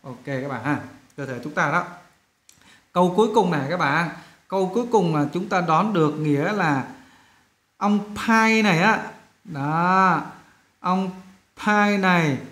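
A male English teacher explains sentence rewriting in a classroom lesson, slowing down to read each sentence aloud. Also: high voice, pushed and bright, roomy sound.

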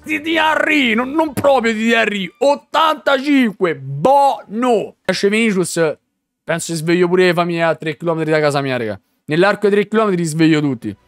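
A young man doing excited pack-opening commentary for a video game, swearing a lot and yelling at big pulls. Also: high-pitched, moderate pace, no echo, studio quality. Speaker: gaming streamer. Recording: faint music behind.

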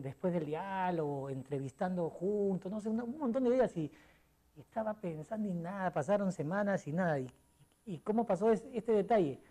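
Speaking with a soft, warm, high-pitched voice, a middle-aged sports columnist from Peru chats as a guest in a casual interview. He rambles through anecdotes in Peruvian-accented Spanish, with many fillers and restarts.

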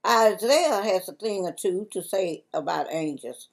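An older woman with a Southern US accent, slowly and carefully reading a church devotion in a library on a lapel mic. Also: medium pitch, expressive, poor audio. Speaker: devotion reader.

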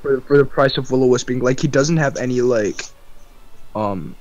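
A man's voice: medium pitch, moderate pace, a little mellow, highs cut off. A man chatting casually on a call, stumbling and hesitating as he explains game plays.

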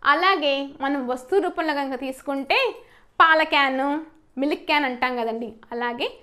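Teaching English spelling at a slow, step-by-step pace, a woman spells out each word's letters before saying the word loud and drawn out, and she answers her own questions. Her voice sits high, and she talks at a normal speed.

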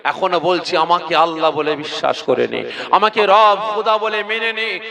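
An arrogant, cruel ancient tyrant king barks threats and commands, as a male preacher puts him on. His voice sits high. A loud crowd can be heard in the background. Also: moderate pace, creaky. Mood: threatening. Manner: barking orders, threatening. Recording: loud crowd noise behind.

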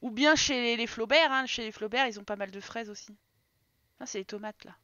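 A woman streaming a game live, with a high voice and a bright edge to it. She chats with viewers, laughs often and reacts out loud to the game. The sound is close and dry, a little dull. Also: a little fast, clean tone, no room sound.

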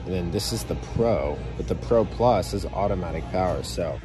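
A man talking casually to his vlog camera on the go, chatty and relaxed with lots of filler words. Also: sits low, moderate pace. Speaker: fitness vlogger. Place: on the go: home, car, mall, airport. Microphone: camera-mounted shotgun mic. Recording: background music mixed under voice.

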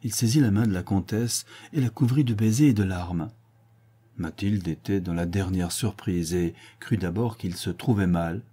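A man reading a classic novel aloud as audiobook narration, measured and expressive. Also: sits low, husky. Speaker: audiobook reader. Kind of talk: scripted literary narration.

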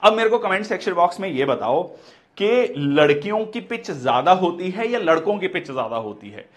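A man delivers an exam-prep physics lecture in a fairly high voice. He explains step by step, repeats key terms and checks in often with short confirmations. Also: very animated, normal speed. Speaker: physics teacher.

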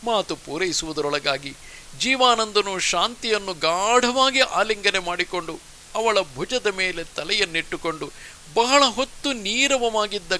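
A man narrating a classic novel as an audiobook in slow, deliberate storytelling. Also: high-pitched, pushed and bright, slight background noise.

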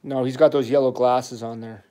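Speaking at a normal speed in a warm, steady, mid-range voice, a middle-aged father rambles happily about toy trains with his child during a livestream for his toy channel.

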